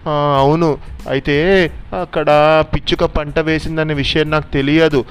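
A man's voice: a little high, flat delivery, a little slow, clear, resonant tone, faint music behind, close to an everyday voice. A man voicing a timid, guilty frog in a spoken bedtime story, hesitant and meek.

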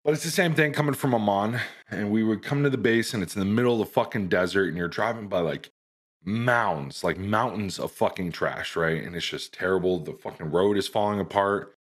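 A young American man telling a profane, animated story to friends on a podcast. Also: on the low side, fairly quick, slightly rough. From United States. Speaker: podcast host. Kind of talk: casual storytelling among friends.

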